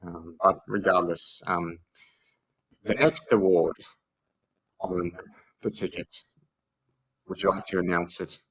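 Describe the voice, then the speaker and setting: A man's voice: sits low, steady tone, slow pace, pauses often, a bit bright, breathy edge, low-quality recording. A man co-hosting a podcast as a mock awards show, playful and rambling, with many fillers. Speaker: podcast co-host.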